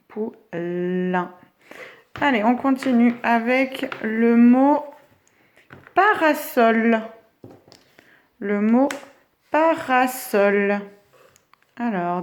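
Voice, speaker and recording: Slow-speaking teacher woman. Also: medium pitch, darkish tone. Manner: slow, drawn-out words for children. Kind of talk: phonics lesson for young children.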